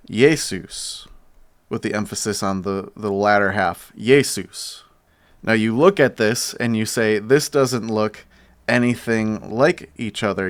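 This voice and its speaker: A man teaching a bible lesson at a whiteboard, explaining slowly and pausing while he writes. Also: lowish voice, fairly bright tone, clear, resonant tone. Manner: slow, explanatory, pauses while writing. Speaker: church teacher.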